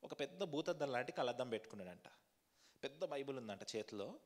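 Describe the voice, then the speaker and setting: A man's voice: mid-range voice, animated, fast, big-room sound. A man pastor preaching a sermon, asking the congregation questions and leading a fervent prayer. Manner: repetitive fervent prayer cadence. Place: church hall.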